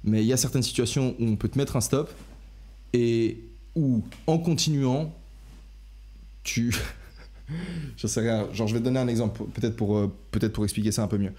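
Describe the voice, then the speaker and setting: A man's voice: mid-range voice, normal speed, long pauses, dark tone. A young man hosting a casual podcast discussion, rambling through his ideas with many restarts and self-corrections. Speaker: podcast host.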